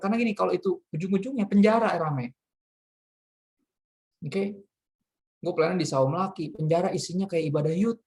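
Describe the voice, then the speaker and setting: A man from Jakarta with a Jakarta accent, a pastor giving a casual youth sermon in lively slangy street talk. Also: a little high, vocal fry. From Jakarta, Indonesia.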